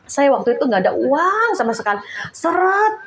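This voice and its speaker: A woman from Indonesia preaching a sermon in a church, telling stories lively with frequent laughter and outcries. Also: sits high, normal speed, a little hiss or hum. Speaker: lay preacher.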